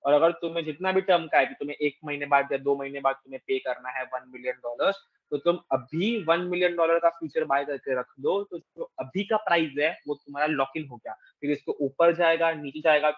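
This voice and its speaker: Indian male tutor, slightly high voice, explains step by step and quizzes students, dry lo-fi call audio. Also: fairly quick, no echo. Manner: explanatory, switches between Hindi and English, quizzes students. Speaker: actuarial finance tutor. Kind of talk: online class lecture. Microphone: video call.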